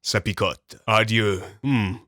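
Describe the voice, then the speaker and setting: A man's voice: fairly low pitch, fairly even intonation, slow pace, sharp tone, no echo, clean studio sound, voice pushed down. A man voicing an imperious, authoritarian spy chief for a card game, delivering clipped commands. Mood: commanding. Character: imperious male spy chief, ex-intelligence agent.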